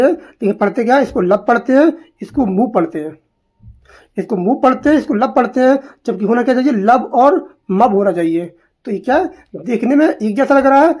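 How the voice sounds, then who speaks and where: A woman's voice: mid-range voice, a little mellow. A woman teaching literary terms for an exam, asking questions and answering them herself, repeating each term. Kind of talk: exam-prep literature lesson in Hindi-English mix.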